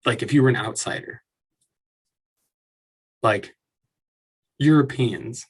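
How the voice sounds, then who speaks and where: A man's voice: mid-range voice, slow, breathy edge. A man hosting his own show, ranting casually in an exasperated way, full of swearing and restarts. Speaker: podcast host. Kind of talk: casual solo rant.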